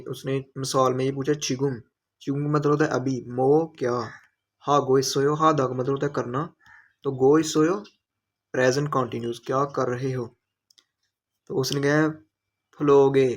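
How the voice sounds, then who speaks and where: Patient man explaining in a flat voice. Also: mid-range voice. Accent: Pakistani Urdu. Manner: patient, repeats each word slowly with its meaning. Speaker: language teacher. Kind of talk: step-by-step lesson explanation.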